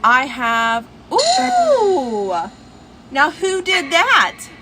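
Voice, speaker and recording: Chatty woman livestreamer over clear background noise. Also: medium pitch, unhurried. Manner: chatty, addressing viewers and spirits by name. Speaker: livestream host. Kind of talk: casual livestream chat with viewers. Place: at home indoors. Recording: noisy livestream with steady background hiss.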